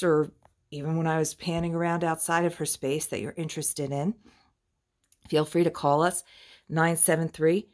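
A woman giving a chatty phone-filmed tour of an antique shop, admiring the items as she goes. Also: deep voice. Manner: chatty, admiring, drifts softer and louder as she pans. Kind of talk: casual walkthrough narration. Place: indoors in a crowded antique shop.

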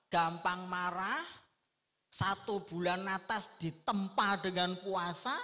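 A middle-aged man giving a lively, humorous religious lecture, asking his listeners rhetorical questions. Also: high-pitched. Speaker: Islamic preacher.

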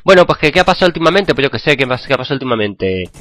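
A man with a Spain Spanish accent, hoarse from a cold, chatting and joking with viewers while playing a game. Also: mid-range voice, very animated, racing, a bit bright, no room sound. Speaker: gaming channel host. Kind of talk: gameplay commentary.

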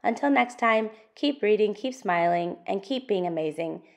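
A gravelly, medium-pitched woman's voice reads a picture book aloud for an interactive children's storytime. Her phrasing is expressive, sing-song, and deliberate.

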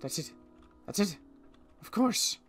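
Soft music plays behind a man who portrays a wary, agitated apocalypse survivor in improvised game roleplay. He speaks slowly and acts it lightly, muttering and pondering to himself with stammers and repeated words.

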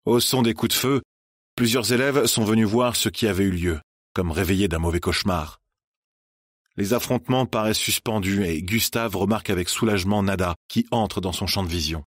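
Low husky-voiced male audiobook narrator. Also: a little fast, dry recording, clean studio sound. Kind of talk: scripted narration.

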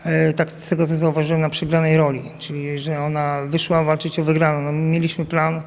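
Outdoors next to a banner at an event, a thirtysomething national team coach fields interview questions into the interviewer's handheld mic. His voice sits on the high side, totally flat in delivery and a little fast, with a big-room sound. Fillers and restarts come up often.

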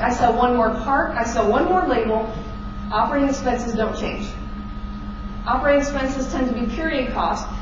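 A middle-aged woman giving a conference keynote lecture on stage, explaining terms plainly and quizzing the audience with questions. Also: on the high side. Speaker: keynote speaker. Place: large dark conference hall stage. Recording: echoey hall recorded from far off, dull and noisy.

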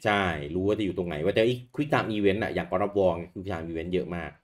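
A man co-hosting a podcast, chatting casually about old video games with a relaxed manner and easy swearing. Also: low voice, normal speed. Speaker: podcast co-host.

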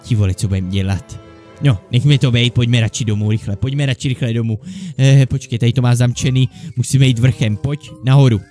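His mid-range voice is steady and mellow, set against soft background music. The man, a gaming YouTuber doing a comedic Minecraft let's play, nervously voices two bickering friends, swearing mildly and frequently.

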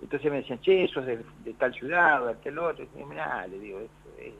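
Over a tinny telephone line, an Argentine union leader calls in to a radio show for an interview, rambling and restarting often in Argentine Spanish. His medium-pitched voice is animated, creaky, and husky, and he talks fast.

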